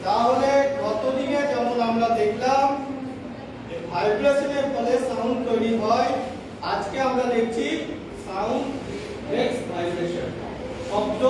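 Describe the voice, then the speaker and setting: A man with an extremely high-pitched voice teaches a science class with a demonstration, speaking a little slowly with long pauses, repeating points and quizzing the students. The room is echoey and noisy, and the mic is distant.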